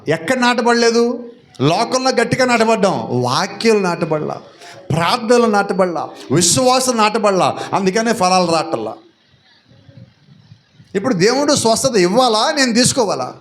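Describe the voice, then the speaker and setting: A male pastor preaching a sermon and firing rhetorical questions at the congregation, often shouting. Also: high voice, sing-song, moderate pace, pauses often.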